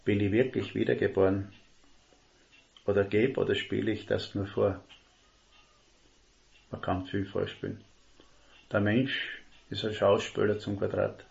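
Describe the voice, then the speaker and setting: Man, sermon, emphatic, slows on key words, low gravelly voice. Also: level tone, darkish tone. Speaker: lay preacher. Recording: dull lo-fi recording.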